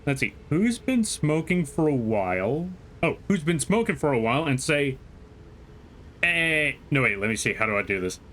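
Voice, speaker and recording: A man's voice: medium pitch, very animated, a little fast, hardly any pauses, a bit bright, a little hiss or hum. A man streaming a game live, chatting playfully, reading chat aloud and joking with the game as he plays. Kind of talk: live gameplay commentary.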